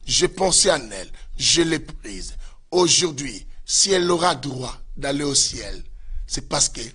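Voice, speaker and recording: A man's voice: medium pitch, fairly bright tone, breathy edge. A man preaching a sermon with fervor, addressing his listeners again and again. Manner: fervent preaching with repeated direct address to listeners. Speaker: pastor.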